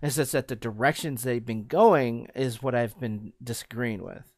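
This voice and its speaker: A man's voice: medium pitch, moderate pace. A young man with a mid-range voice hosts a gaming podcast in easy, casual chat. He talks hesitantly, filling gaps with ums and uhs. The sound is dry and close with no room echo. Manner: hesitant, many fillers. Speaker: podcast host.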